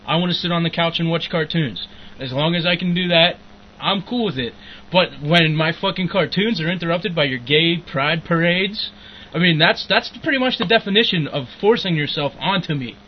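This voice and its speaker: A man's voice: fairly high pitch, moderate pace. A young man co-hosting a podcast in crude, profane casual chat, rambling and laughing often. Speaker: podcast co-host. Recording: muffled lo-fi with faint noise.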